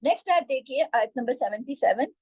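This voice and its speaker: A woman teaching tajweed, explaining patiently and drawing out syllables slowly when she demonstrates. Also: high voice, expressive, a little mellow, husky, no echo, rough recording. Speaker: Quran recitation teacher.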